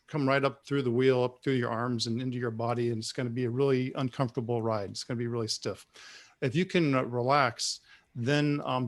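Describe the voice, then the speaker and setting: Man teaching, full of fillers. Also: mid-range voice. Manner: relaxed, hesitant with many fillers. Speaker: club instructor. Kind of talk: presentation talk.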